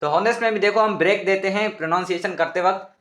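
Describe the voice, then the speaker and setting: High-voiced man teaching grammar in a roomy echo. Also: quick pace, a bit bright. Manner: patient, repetitive, addresses viewers as students. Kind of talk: explanatory classroom lesson.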